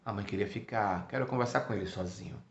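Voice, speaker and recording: A man voicing a frail, gravely ill young boy who speaks softly and earnestly in a spiritist talk. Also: lowish voice, quick pace, natural voice. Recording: echoey room, muffled sound.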